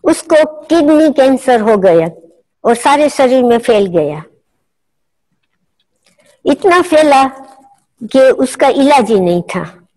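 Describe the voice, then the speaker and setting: A middle-aged woman doctor giving a spiritual health talk over a video call, calmly telling case stories and acting out the quoted lines. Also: high-pitched, slow, long pauses, low-quality recording. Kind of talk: slow storytelling talk.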